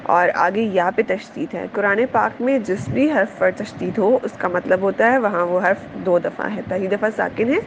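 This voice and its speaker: A woman gives a tajweed lesson on Quranic pronunciation, patiently explaining each sound, repeating it slowly and checking that her students understand. Her voice sits at medium pitch, and the muffled recording has background noise.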